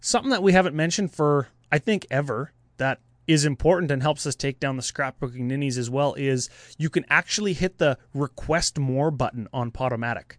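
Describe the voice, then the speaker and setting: A man's voice: mid-range voice, brisk, hardly any pauses, dry recording. A man co-hosting a podcast, easygoing and casual, walking through a giveaway and show plans. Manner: easygoing, runs the giveaway details. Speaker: podcast co-host.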